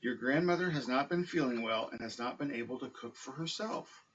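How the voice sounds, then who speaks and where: A man's voice: medium pitch, a little fast, fairly bright tone, far from the mic, dull audio, a little hiss or hum, natural voice. A man voicing a caring but firm mother in a storybook.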